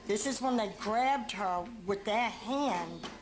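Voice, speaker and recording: A woman's voice: medium pitch, slow pace, music in the background. A middle-aged woman, the mother of a beaten man, being interviewed and talking indignantly, repeating herself as she describes photos. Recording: roomy with crowd noise.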